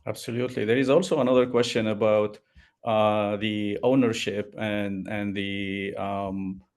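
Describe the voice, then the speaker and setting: A middle-aged man moderating a video call Q&A on a headset mic, speaking haltingly with many fillers. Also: on the low side, level tone, darkish tone.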